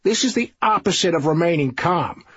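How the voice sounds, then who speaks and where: A man's voice: a little high, animated, fairly bright tone, breathy edge, no echo, lo-fi sound, pitched above the performer's own voice. A man voicing a scheming, bossy middle-aged police sergeant who waves off every worry. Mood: commanding. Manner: brisk, bossy, dismissive.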